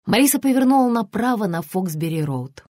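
A woman with a mid-range voice reads an audiobook in even, measured narration from a script. The recording is dry, with clean studio sound.

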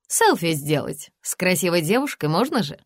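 A woman's voice: on the low side, big pitch swings, normal speed, dry recording. A woman voicing a smarmy, pushy young man making advances.

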